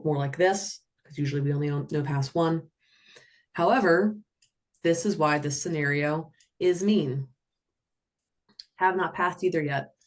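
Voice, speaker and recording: Low-voiced woman teaching with lively energy. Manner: energetic, animated, acts out skaters in playful voices. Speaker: roller derby officiating instructor. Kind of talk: webinar teaching.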